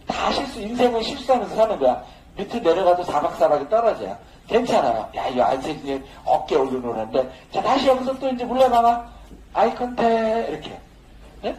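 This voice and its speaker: In an echoey space with faint noise, a man teaches social dance in a relaxed, jokey way, often breaking into laughter. His voice is on the high side and a little mellow.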